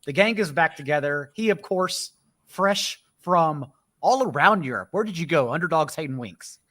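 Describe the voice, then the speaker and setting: A man hosting a casual sports podcast livestream, joking and brisk. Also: fairly high pitch, lively intonation, a bit bright. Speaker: host.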